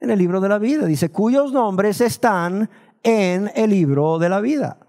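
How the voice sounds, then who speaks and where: A man born in Nicaragua preaching a sermon, asking his listeners questions and slowing down to stress the words of scripture. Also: sits high, animated, a little mellow. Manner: asks the congregation rhetorical questions. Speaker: pastor.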